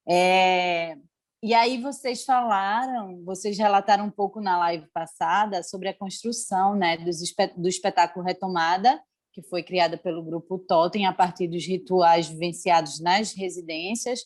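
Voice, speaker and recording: A woman hosting a live-stream interview, speaking reflectively and hesitantly, often repeating words. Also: lowish voice. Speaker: host.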